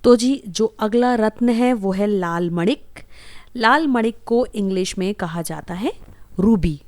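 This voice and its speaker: A woman's voice: mid-range voice, lively intonation, slow, a little mellow, dry recording. A woman teaching English vocabulary, saying each word, spelling it out letter by letter and repeating it. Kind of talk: slow explanatory vocabulary lesson.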